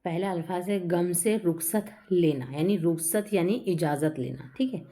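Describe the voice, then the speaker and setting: A woman with a fairly low voice and explains a poem line by line, like a teacher talking to a class. She often checks in with "hai na" and repeats key phrases to make them stick. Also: normal speed, mellow. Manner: frequent "hai na" tag questions, repeats each line.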